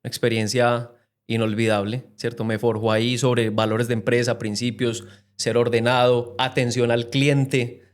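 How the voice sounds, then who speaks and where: A man's voice: mid-range voice, flat delivery, normal speed. Earnest Colombian man telling his story. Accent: Colombian, from Medellín. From Medellín, Colombia. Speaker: podcast guest, AI consultant. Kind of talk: casual interview chat.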